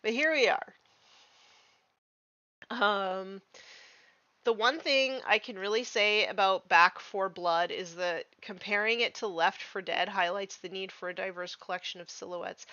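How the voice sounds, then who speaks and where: A woman in her thirties chatting casually on a live stream while painting miniatures, relaxed and full of fillers. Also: medium pitch, unhurried, no room sound, muffled recording. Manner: relaxed and chatty, many fillers, baby-talks to her dog.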